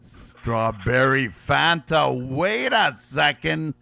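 A man's medium-pitched voice, pushed and bright with vocal fry, takes on a sing-song quality as he hosts a radio call-in guessing game. Though his voice is failing, he chuckles and repeats every guess slowly, drawing each one out.

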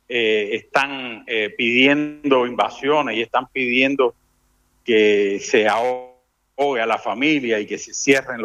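A middle-aged man from Cuba, speaking as an interview guest in a halting way, full of restarts and fillers. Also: medium pitch, pushed and bright. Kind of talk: conversational interview.

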